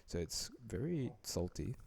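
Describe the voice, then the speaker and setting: A young man giving relaxed, dryly joking voice-over commentary as he rates food. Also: lowish voice, measured pace, gravelly, a crowd in the background. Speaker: vlogger rating food.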